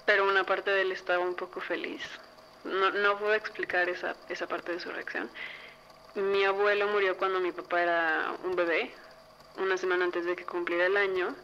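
Chatty young Mexican woman, bright voice. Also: lowish voice. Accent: Mexican Spanish. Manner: chatty, lively, full of fillers. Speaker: storyteller. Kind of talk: casual spoken ghost story. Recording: dull lo-fi recording with faint noise.

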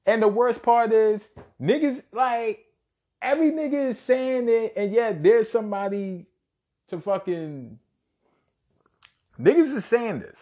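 A young man with a fairly high-pitched voice, ranting in commentary style. He talks in a heated, emphatic way, swears freely and repeats points for force. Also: measured pace, pauses often, warm tone.

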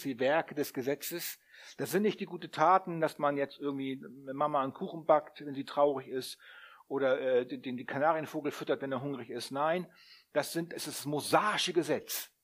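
A man preaching with a fairly high voice. He talks straight to his listeners and puts questions to them. He builds up to loud, emphatic appeals. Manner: addresses the listeners directly, asking them questions. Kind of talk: sermon.

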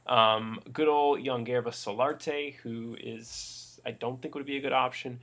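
A man's voice: medium pitch, fairly even intonation, unhurried, fairly bright tone. A man co-hosting a casual sports podcast, talking loosely with many fillers and restarts. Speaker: podcast co-host.

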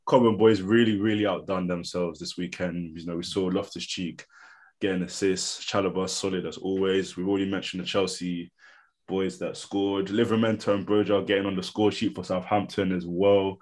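Male host, low voice, urban London roadman accent and slang, casual football banter. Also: steady tone, normal speed, darkish tone. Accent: London, urban street slang. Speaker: podcast host.

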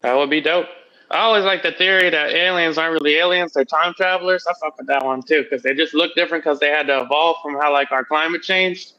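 A man's voice: fairly high pitch, quick pace, bright, forceful tone, muffled recording. A man co-hosting a podcast in casual, profane chat, laughing often. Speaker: podcast co-host.

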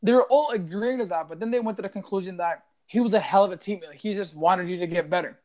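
A podcast co-host talks sports in a loose, casual way, filling every pause with "bro" and "like." The words come out fast. The pitch sits in a middle range. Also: darkish tone. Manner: loose and quick, lots of fillers like bro and like.

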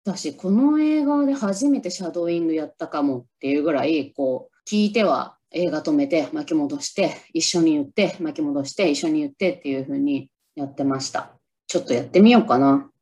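A woman's voice: deep voice, lively intonation, fairly quick, darkish tone. A Japanese woman casually talking about a favorite film on her own podcast, upbeat and chatty, now and then trying out English lines aloud. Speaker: podcast host. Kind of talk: casual solo movie review talk.

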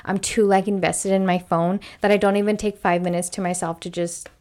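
A young woman talks easily in a relaxed podcast chat. Her voice sits at an ordinary middle pitch. She leans on "like" as she works through her thoughts. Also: brisk. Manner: chatty, lots of "like" fillers. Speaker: podcast co-host. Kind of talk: casual chat.

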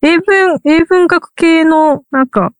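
A woman's voice: very high voice, slow pace, no echo. A woman from Ehime who teaches English literature, chatting casually, wry and trailing off as she searches for words. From Ehime, Japan. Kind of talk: casual chat.

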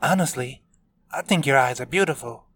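Earnest quiet teen boy, man reading his lines, soft, gentle murmur. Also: mid-range voice, normal speed, pitched above the performer's own voice, lightly acted. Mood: tender. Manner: murmuring, sincere. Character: earnest soft-spoken teenage boy Tristan.

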